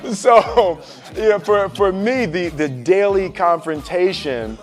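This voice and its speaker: A man's voice: high voice, takes it slowly. A man casually telling a story to an audience, acting out the voices of the people in it in a loose, slangy way. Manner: animated, acts out the voices in his story.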